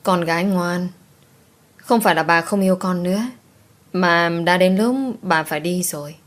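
A woman voicing a young widowed father in an audiobook, speaking softly, apologetic and soothing. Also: fairly low pitch, steady tone, moderate pace, close to an everyday voice. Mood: tender.

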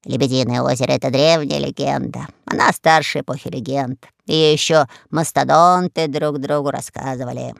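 A reader voicing a bossy old male parrot in an audiobook, with gruff, lecturing talk. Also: mid-range voice, fairly even intonation, moderate pace, few pauses, dry recording, clean studio sound, voice pushed down. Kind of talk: audiobook character voice.

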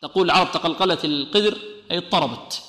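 Bright-voiced man teaching recitation in an echoey hall. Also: on the high side. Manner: asks questions then answers them himself; slow drawn-out demonstration of sounds. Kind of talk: tajweed lesson. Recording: echoey hall with long reverb.

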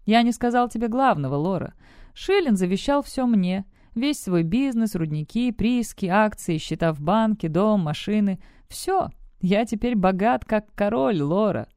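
A woman's voice: mid-range voice, lively intonation, brisk, dark tone, clear, resonant tone, dry recording, clean studio sound, natural voice. A woman reading the part of a cynical, scheming young man in an audiobook, in a smug and brusque manner. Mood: gloating.

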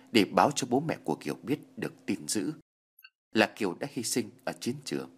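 Husky-voiced male horror storyteller. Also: lowish voice.

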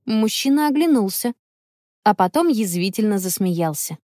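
A woman telling a children's story in measured, expressive audiobook narration. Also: medium pitch, no echo, clean studio sound.

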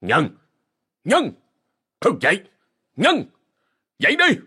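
A man doing a shouting, hot-tempered village elder. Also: sits high, wildly swooping pitch, slow, slightly rough, pitched above the performer's own voice, exaggerated voice. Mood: frantic. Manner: shouting, scolding. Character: harsh, short-tempered older village man.

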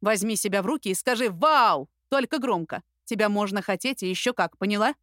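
A woman voicing a calm, wry male best friend. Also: mid-range voice, fast talker, dry recording, clean studio sound, lightly acted. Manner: steady, reassuring, wry.

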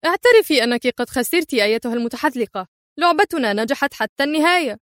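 Casting: woman voicing a mocking, insolent thin crook, higher voice, dry close sound. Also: lively intonation, a little fast, a bit bright, dry recording. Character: sneering thin male criminal, mocking and nervous.

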